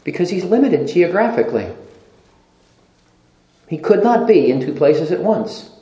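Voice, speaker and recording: A preacher giving a sermon, reading scripture aloud and repeating phrases for emphasis, moving between loud emphasis and soft low asides. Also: very animated, unhurried. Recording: echoey room.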